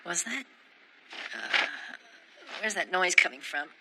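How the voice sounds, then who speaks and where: A man playing an excitable, grumbling teenage schoolboy in an English anime dub, theatrical and exasperated. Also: high voice, slow pace, heavy background noise. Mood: uneasy. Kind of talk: English-dubbed anime acting.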